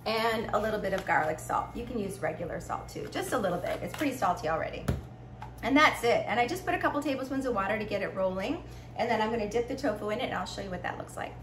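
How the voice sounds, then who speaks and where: A woman's voice: medium pitch, animated, fast. A middle-aged woman hosting a casual cooking vlog, chatting and explaining as she cooks at home, recorded on a camera mic a few feet away in her kitchen. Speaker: cooking channel host. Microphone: camera mic, framed from a few feet away. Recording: echoey kitchen, faint room hum.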